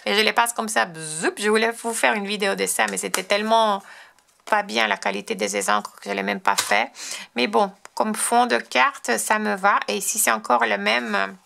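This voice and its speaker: In this casual show-and-tell crafting tutorial, a French host enthusiastically chats about the cards she displays, full of restarts and fillers. She speaks at normal speed in a mid-range voice that's creaky, bright and forceful, with little pitch movement.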